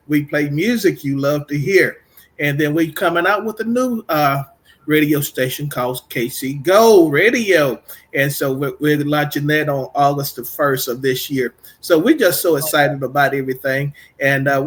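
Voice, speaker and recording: A man's voice: a little high, fairly bright tone. A middle-aged man from Texas hosting a casual radio interview, rambling and repeating himself in an upbeat way. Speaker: podcast and radio host.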